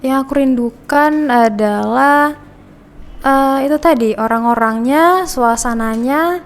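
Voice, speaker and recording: Young woman student from indonesia, fairly high voice, calm polite answers. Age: young adult. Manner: polite, measured answers with short agreements. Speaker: guest. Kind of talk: casual podcast interview.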